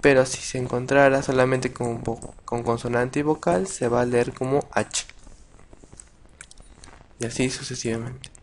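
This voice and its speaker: A man teaching a casual video lesson, patient and halting, with many restarts and repeated words. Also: medium pitch, fairly even intonation, slight background noise. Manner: patient, addresses viewers directly. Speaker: language teacher.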